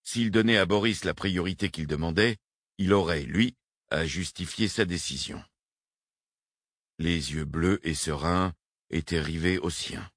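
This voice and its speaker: A man calmly reading a novel aloud as its narrator, measured and even. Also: low voice, no room sound, studio quality. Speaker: audiobook narrator. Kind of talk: scripted narration.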